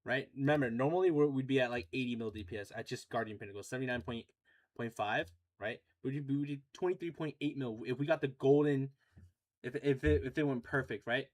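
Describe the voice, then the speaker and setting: A man's voice: medium pitch, a little fast. A man streaming a game live, talking casually and ranting with heavy profanity about his build and the challenge.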